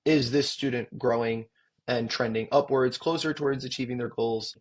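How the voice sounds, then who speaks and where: Appearing as an interview guest, a man with a husky, mid-pitched voice explains his education technology company. He's articulate and explanatory, dropping an occasional "um," with fairly even intonation and a normal speaking speed.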